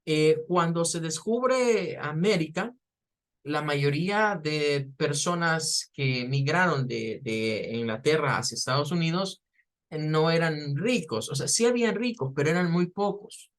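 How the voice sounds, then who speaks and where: A man teaching an online English class, explaining patiently and repeating words slowly to model their pronunciation. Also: on the high side, expressive.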